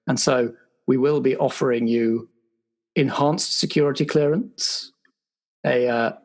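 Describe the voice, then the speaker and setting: In an improvised roleplay show, a man plays an awkward, apologetic spy agency bureaucrat who stammers officiously through a debrief. His mid-range voice is natural and a little slow, steady and darkish in tone. The mood is formal, with halting praise.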